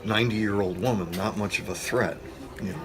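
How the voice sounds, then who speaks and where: A man around fifty speaks in a low voice in a seated interview in a school lab. He rambles through anecdotes in a casual way. Music plays softly behind him. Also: a little fast. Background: background music.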